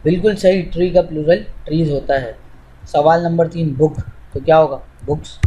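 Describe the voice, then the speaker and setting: A man's voice: fairly high pitch, steady tone, normal speed, dark tone, slight background noise, rough recording. A man teaching English, explaining step by step in an informal way to a student while demonstrating on screen.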